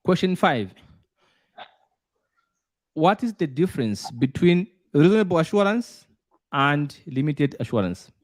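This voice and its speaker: A man tutoring a student, explaining concepts step by step with examples, repeating himself and pausing on "uh". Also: fairly high pitch, very animated, no echo. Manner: repeats points, frequent "uh" fillers. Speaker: auditing tutor quizzing a student. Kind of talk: explanatory lesson with worked examples.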